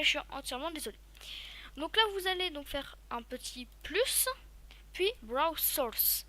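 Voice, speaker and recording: High, bright-voiced woman walking through a tutorial. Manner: chatty, loose, step-by-step with many fillers and "hop". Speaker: tutorial YouTuber. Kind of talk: casual screen-recorded software tutorial.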